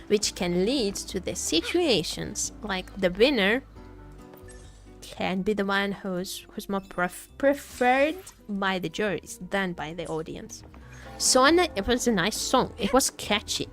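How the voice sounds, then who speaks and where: Over soft background music, a woman hosting a livestream chats casually in a mid-range, expressive voice. She's unhurried, rambling and hesitating as she searches for her words.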